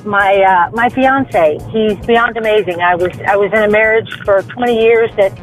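A woman's voice: mid-range voice, moderate pace, faint music behind, poor audio. A middle-aged woman, a radio caller, chatting casually and in a heartfelt way. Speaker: radio call-in listener.

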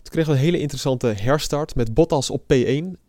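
Male host, quick delivery, steers the discussion, dry booth. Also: medium pitch, a little mellow, no echo. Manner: quick, leads the talk and reads listener mail. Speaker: show host. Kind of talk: casual hosting chat.

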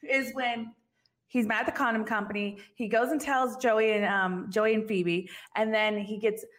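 Podcast co-host, woman, casual and chatty, laughs often, slightly high register. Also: fairly even intonation, moderate pace. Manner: chatty and giggly, many fillers. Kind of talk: casual chat recapping a TV episode.

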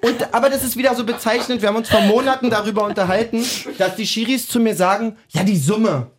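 A man in his thirties from Germany, chatting casually on a podcast, telling a story in slang and acting out quotes loudly. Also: very high-pitched, fairly even intonation, fast talker. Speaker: podcast host telling an anecdote.

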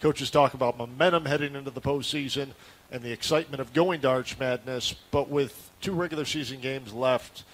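A man hosting a sports radio show, asking questions and reading promos with a smooth announcer delivery. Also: medium pitch, a little fast.

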